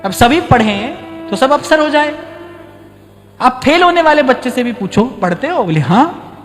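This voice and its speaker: A man giving a devotional sermon in a conversational, teaching manner, repeating key lines for emphasis and slowing down on important words. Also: very high voice, animated, a bit bright. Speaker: spiritual teacher giving a discourse. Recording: reverberant hall with faint music.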